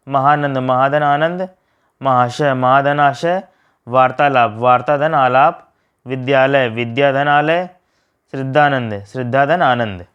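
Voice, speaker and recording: A man teaching a grammar lesson, reading out word pairs and splitting each one in a steady drill. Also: medium pitch, clear, resonant tone, dull audio.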